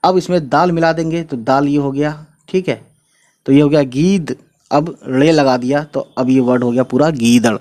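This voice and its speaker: A man's voice: on the high side, moderate pace, a little mellow, no echo. Patient man teaching script, dry sound. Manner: frequent checking fillers, patient step-by-step explaining. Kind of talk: explanatory lesson.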